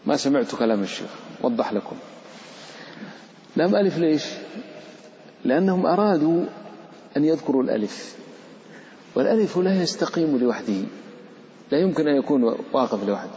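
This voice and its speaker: A mellow, soft-edged male sheikh teaching recitation in a relaxed, chatty way. He asks his students questions and acts out the letters as if they could speak. The sound is dull and lo-fi, with a long hall reverb trailing each phrase. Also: a little high, brisk, pauses often, a little hiss or hum. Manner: conversational, quizzes students and personifies letters. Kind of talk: classroom explanation to students.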